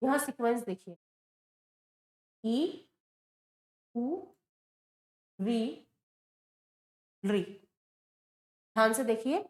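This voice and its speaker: High-voiced woman teaching slowly. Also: roomy sound. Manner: patient, asks questions and answers them herself. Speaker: Sanskrit teacher. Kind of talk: exam-prep lesson at a board.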